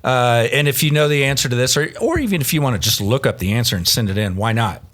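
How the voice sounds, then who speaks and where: A man co-hosting a podcast, reading trivia and giveaway details in a relaxed, breezy casual chat. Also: medium pitch, fast talker. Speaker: podcast co-host. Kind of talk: casual chat with promo reads.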